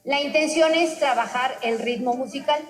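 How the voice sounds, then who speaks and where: A woman, teaching rhythm as an instructor and chanting beat words in a steady pulse. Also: high voice, moderate pace, low-quality recording. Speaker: physical education instructor. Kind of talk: instructional demonstration. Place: studio heard through a home TV recording. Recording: TV sound recorded by a home device, with music behind.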